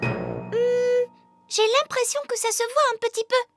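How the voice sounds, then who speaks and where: High, girlish little fairy princess. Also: fairly even intonation, unhurried. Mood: cheerful. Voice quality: childlike, girlish. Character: eager young fairy princess girl, bossy but anxious. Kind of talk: French cartoon dub. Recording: children's music behind the voice.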